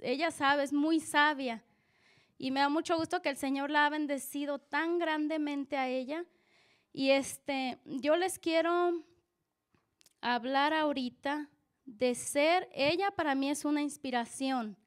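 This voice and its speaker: A high-voiced woman speaks earnestly at church, delivering a sermon-like testimony in a conversational way with frequent restarts.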